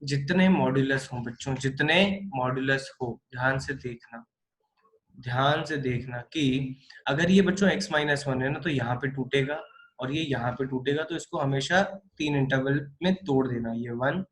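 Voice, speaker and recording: A man's voice: mid-range voice, normal speed. A man teaching a math class online, coaxing and joking with his students as he works through problems. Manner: animated, coaxing students, calls them kids. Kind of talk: live online class lecture.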